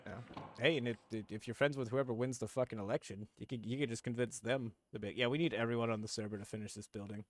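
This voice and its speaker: A man streaming a game, chatting and joking with a friend, quick to laugh. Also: mid-range voice, fairly even intonation. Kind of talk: casual livestream game chat.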